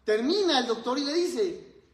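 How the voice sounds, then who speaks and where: A man's voice: extremely high pitch, lively intonation, moderate pace, echoey room, poor audio. A man, a rabbi, giving a sermon and telling stories with acted-out dialogue. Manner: storytelling, acts out dialogue in quotes.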